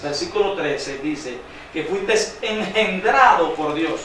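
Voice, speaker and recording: A man preaching a sermon, quizzing his congregation with call-and-response questions and reading scripture slowly with emphasis. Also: a little high, lively intonation, fairly bright tone, slight background noise. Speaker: pastor. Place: church sanctuary. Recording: very echoey church hall, distant mic.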